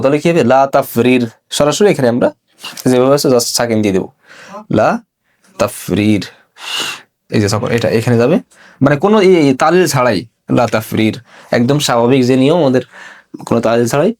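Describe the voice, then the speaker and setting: A man's voice: medium pitch, a little mellow. A man teaching an online grammar lesson, explaining step by step and asking and answering his own questions. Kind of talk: recorded video lesson.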